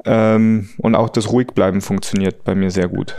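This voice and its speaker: A man in his thirties, born in the United States, talking casually as a podcast co-host, relaxed and easygoing, with frequent fillers. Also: fairly low pitch, moderate pace, vocal fry, no room sound. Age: 30s. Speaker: podcast co-host, trauma surgeon.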